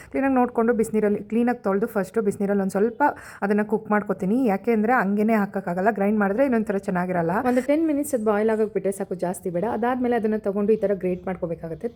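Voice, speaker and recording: A woman's voice: mid-range voice, warm tone. A woman in her thirties with a Kannada accent, chatting casually in a family vlog and explaining a recipe. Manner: chatty, mixes English words into her talk. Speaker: vlogger.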